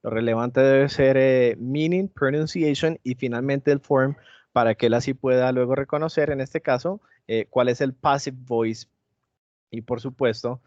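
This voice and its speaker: A man walks teachers through lesson planning in an online session, speaking at a moderate mid pitch with frequent pauses and filler sounds. His voice comes through a dry, somewhat dull lo-fi microphone. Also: darkish tone, no echo. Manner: hesitant, many fillers and tag questions. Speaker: teacher trainer. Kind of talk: online teacher training presentation.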